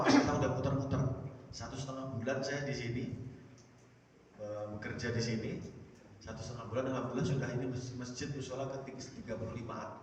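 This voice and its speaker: A man from Jakarta giving a dawn sermon in a small prayer house, asking the congregation questions and answering them himself, rising loud on key words and dropping low at line ends. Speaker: preacher. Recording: echoey, distant, dull sound with faint noise.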